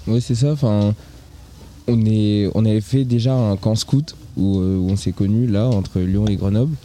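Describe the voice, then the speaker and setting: A man's voice: fairly low pitch, fairly even intonation, normal speed, warm tone. A teenage boy answering interview questions in casual, hesitant speech. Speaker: young guest.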